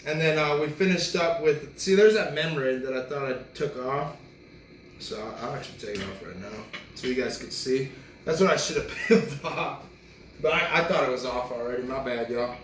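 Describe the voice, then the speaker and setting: A man hosting a casual cooking video, chatting in a relaxed way while he eats. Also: mid-range voice, normal speed, roomy sound, a little hiss or hum, rough recording. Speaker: cooking show host.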